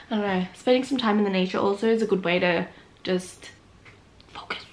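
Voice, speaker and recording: Young woman, casual vlog chat, bedroom, close camera mic, relaxed, talkative, laughs between thoughts. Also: mid-range voice, vocal fry. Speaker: vlogger. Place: small bedroom indoors. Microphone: camera in front of her face.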